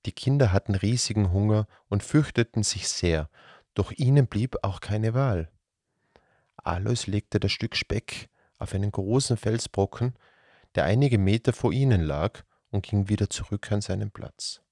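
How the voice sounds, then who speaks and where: A man reading a fairy tale aloud to children as storyteller and host, calm and unhurried. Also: lowish voice, no echo, studio quality. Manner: slow, calm, gravelly storytelling.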